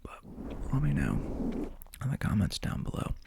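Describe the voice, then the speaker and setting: A man's voice: mid-range voice, wildly swooping pitch, moderate pace. A man whispering casually into a close microphone for an ASMR video, rambling and joking in a self-aware way. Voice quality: breathy whisper. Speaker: ASMR creator. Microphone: studio microphone with fuzzy cover, close.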